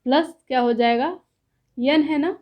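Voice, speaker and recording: A woman teaching a lesson, explaining step by step, asking herself questions and pausing often to check in. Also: high voice, steady tone, a little mellow. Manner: says "ठीक है" after points. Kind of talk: classroom lecture.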